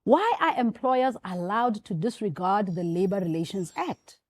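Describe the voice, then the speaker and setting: South African Sotho woman presenter, mellow voice. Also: mid-range voice, normal speed. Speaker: talk show host. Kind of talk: broadcast presenting and interviewing.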